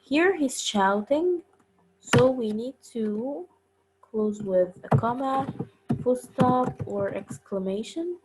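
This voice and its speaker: A woman teaching punctuation in a recorded lesson, explaining each step slowly and carefully. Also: fairly high pitch, heavy background noise. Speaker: English teacher.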